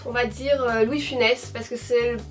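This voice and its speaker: A woman's voice: fairly high pitch, fairly even intonation, normal speed, far from the mic, soft background music. A woman of twenty-four with a Belgian French accent from Hainaut, chatting casually to camera at home as a YouTuber, rambling along with fillers and self-corrections. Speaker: beauty YouTuber answering a tag. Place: at home, indoors.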